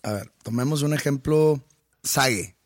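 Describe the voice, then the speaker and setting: A man's voice: mid-range voice, measured pace, no echo, clean studio sound. Man, mid voice, teasing and challenging, slangy. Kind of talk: casual chat.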